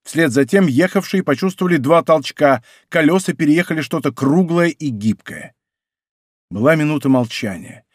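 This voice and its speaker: A man reading an adventure novel aloud as a narrator, with expressive, steady storytelling. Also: fairly high pitch, normal speed, no room sound, clean studio sound. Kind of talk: audiobook narration.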